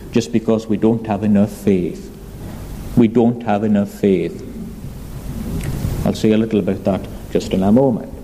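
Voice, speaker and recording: Dark-voiced preacher in echoing hall. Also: male voice, mid-range voice, slight background noise. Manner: earnest, emphatic preaching with rising exclamations. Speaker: pastor. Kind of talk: sermon.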